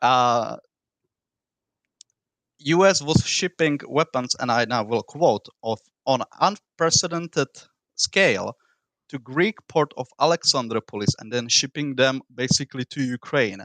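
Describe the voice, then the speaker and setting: A man who is not a native English speaker, with a foreign accent and rolled r's, argues in an informal political debate, often halting and repeating words. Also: medium pitch, animated, fairly bright tone, no room sound. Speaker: debate participant.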